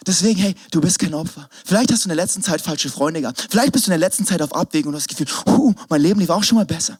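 A man preaching an energetic sermon, swinging between shouts and hushed asides. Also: a little high, rapid-fire, slightly rough, dry recording. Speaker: pastor.

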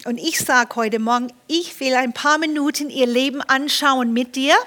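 High bright-voiced woman preaching. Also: moderate pace. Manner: lively storytelling preacher with humor. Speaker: pastor. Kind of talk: sermon. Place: church.

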